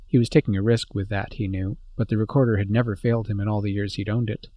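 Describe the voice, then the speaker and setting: A man reading a science fiction story aloud as narrator, in a steady, measured way. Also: lowish voice, muffled recording.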